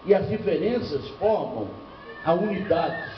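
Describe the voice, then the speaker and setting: A man's voice: high voice, animated, measured pace, slight background noise. An older man from Bahia, a pastor preaching at a church seminar, telling stories with rhetorical questions and humor. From Bahia, northeastern Brazil. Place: church hall. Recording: echoey lo-fi church recording from far off.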